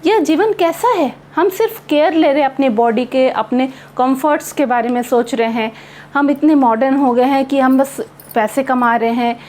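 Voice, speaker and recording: A woman teaching English with an Indian English accent. She reads a poem aloud slowly, then explains it in Hindi mixed with English words. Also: fairly high pitch, darkish tone, a little hiss or hum.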